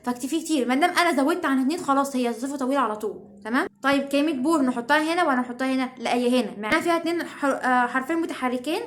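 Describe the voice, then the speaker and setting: Brief: young Egyptian woman teaching grammar, rapid-fire delivery, high voice, keeps asking if students follow. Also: a bit bright. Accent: Egyptian Arabic. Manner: chatty, keeps checking understanding. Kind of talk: online grammar lesson.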